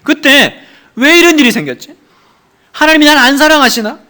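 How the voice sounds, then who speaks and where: Pastor guy preaching, high voice, gets loud then goes all hushed for stories. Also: animated, normal speed. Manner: dramatic storytelling, swinging between loud exhortation and hushed retelling. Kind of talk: sermon.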